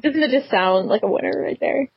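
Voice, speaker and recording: A woman from the Detroit area chatting casually as a guest, animated and often laughing. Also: high voice, brisk, vocal fry, breathy edge, no room sound, highs cut off. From Detroit area, United States. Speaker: podcast guest. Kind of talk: casual chat.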